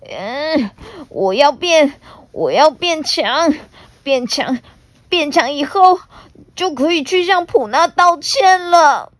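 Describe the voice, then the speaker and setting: A woman voicing a big, timid, gentle male dinosaur in a storybook reading, stammering and shaky but earnest. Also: high voice, expressive, slow, no room sound, voice pushed up.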